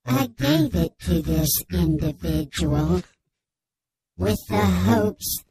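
A woman as an anonymous radio caller whose voice is disguised with a slowed, deepened filter, speaking in a prim deadpan. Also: crowd noise.

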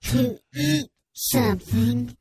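Brief: a woman as anonymous radio guest, disguised deep voice filter, crawling slow deadpan delivery. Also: breathy edge, dry recording, exaggerated voice. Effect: voice-disguising filter, slowed and deepened.

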